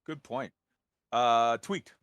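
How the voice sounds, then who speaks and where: A man hosting a live casual gaming roundtable, talking in an animated way and acting out quotes. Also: mid-range voice, drawn-out words, clean tone, dry recording. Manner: animated, acts out quotes when telling tips. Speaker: host of a game roundtable. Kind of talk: live casual panel chat.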